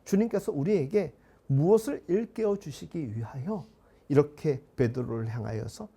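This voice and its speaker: Gravelly, husky-voiced male pastor preaching. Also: fairly high pitch, expressive, warm tone. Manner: measured, earnest preaching with rhetorical questions. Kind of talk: sermon.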